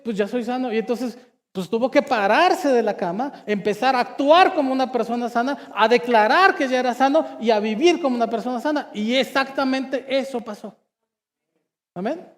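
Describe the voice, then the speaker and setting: A man preaching a lively, humorous sermon, calling on the congregation to answer and repeat after him. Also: very high voice, in a large hall. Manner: call-and-response, asks the crowd to repeat; humorous storytelling with asides. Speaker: pastor. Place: church hall.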